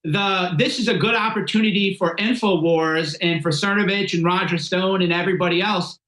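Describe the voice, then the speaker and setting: Casting: assertive male pundit, bright and sharp tone, echoey room. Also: high-pitched, moderate pace. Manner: assertive, opinionated. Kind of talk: political talk show discussion.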